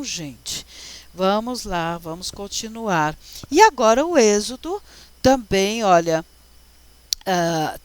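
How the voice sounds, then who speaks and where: A woman's voice: on the low side, no room sound. A woman teacher giving a slide lecture, constantly checking with her class as she explains Hebrew words. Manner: addresses class often, checking with "tá?" and "gente"; slow, deliberate explanation, reading out Hebrew words.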